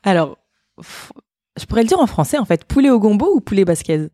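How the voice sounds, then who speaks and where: A woman hosts a podcast and puts friendly questions to her guest, with a few hesitations and soft laughs. Her voice is mellow and warm. The sound is dry and close. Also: mid-range voice, sing-song, fairly quick, no room sound. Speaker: podcast host. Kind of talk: interview questions.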